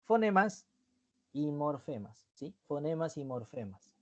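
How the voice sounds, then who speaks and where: A man's voice: a little high, moderate pace, warm tone. A man teaching an online review class, explaining terms step by step and often checking in with the students.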